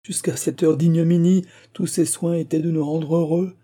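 A man reads an aging country vicar, torn by grief and given to impassioned declaiming. The voice is very dark and mellow, with a husky edge. It fits a classic storybook reading. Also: on the high side, little pitch movement, normal speed, pitched above the performer's own voice, natural voice. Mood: grieving.

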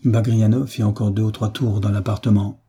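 A man narrates a scripted audiobook in a measured, steady manner, his husky, very dark voice pitched fairly low.

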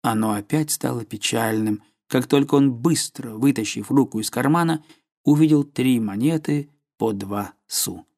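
A man reads a classic novel aloud as an audiobook narrator. His voice sits at an ordinary middle pitch. The reading is measured and literary, with dramatic pauses between phrases. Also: darkish tone.

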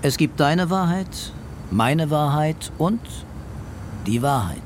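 A man reads a translated voice-over with earnest emphasis, his voice fairly high and rising and falling a lot. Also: expressive, takes it slowly, a little hiss or hum. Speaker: voice-over interpreter. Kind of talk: read German voice-over translation.

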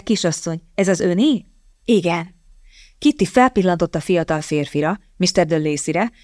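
A woman reading an audiobook aloud in scripted, even and measured storytelling. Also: fairly low pitch, dry recording, clean studio sound. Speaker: audiobook narrator. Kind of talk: scripted narration.

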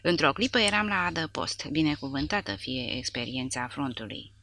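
Woman narrator for a war audiobook; low, bright, dramatic reading. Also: expressive, no echo. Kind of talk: scripted narration.

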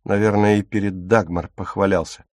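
Man doing an irritable older brother, terse, low voice, dry sound. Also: fairly even intonation, moderate pace, no echo, lightly acted. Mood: weary.

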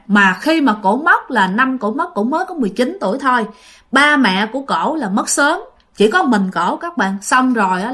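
A woman's voice: a little high, a bit bright. A woman telling a ghost story in a chatty, informal way, speaking straight to her listeners.

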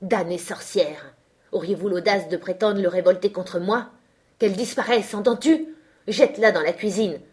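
A woman's voice: mid-range voice, normal speed, a little mellow, close to an everyday voice. A woman reading an audiobook, voicing a domineering middle-aged man who barks harsh threats and commands. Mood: furious.

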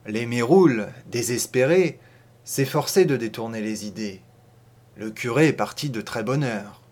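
Man reading a story aloud. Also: medium pitch. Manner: measured, expressive literary reading. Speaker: narrator. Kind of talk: audiobook reading of a short story.

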